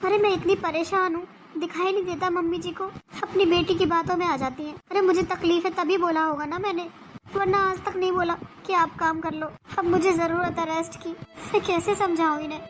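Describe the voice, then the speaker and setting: A woman's voice: extremely high pitch, steady tone, brisk, slight background noise, rough recording. A woman playing a young daughter-in-law recovering after childbirth, who talks in a complaining, pleading way in a family comedy skit. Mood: aggrieved.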